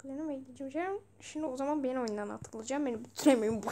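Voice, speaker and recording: A young woman giving casual, exasperated gameplay commentary with bursts of shouting and swearing. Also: high-pitched, quick pace. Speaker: gaming video creator.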